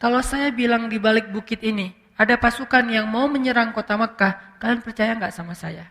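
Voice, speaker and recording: A gentle, soft-spoken prophet, as a male preacher puts him on, calls out to a crowd in calm, measured words. His voice is bright and quietly firm. The long reverb of a large hall trails behind it. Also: very high-pitched, exaggerated voice. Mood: calm appeal.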